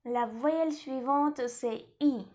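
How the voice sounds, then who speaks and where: A woman teaching a lesson in French, repeating each word slowly and carefully. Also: high voice, darkish tone, faint music behind. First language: Russian. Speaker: language teacher.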